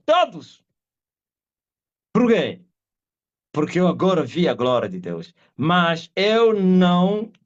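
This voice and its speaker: Angolan man preaching a testimony, higher voice, swings widely, muffled video call sound. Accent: Angolan Portuguese. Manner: animated storyteller, acts out quoted voices and shouts. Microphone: video call audio. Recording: dull lo-fi video call audio.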